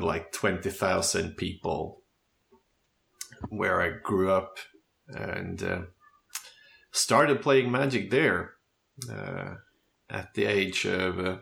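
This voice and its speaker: A Swedish man in his thirties, a native speaker with a Swedish accent, talks about his background on a podcast in a casual, think-aloud way. His voice is deep and gravelly, fairly bright in tone, and he speaks slowly with long pauses.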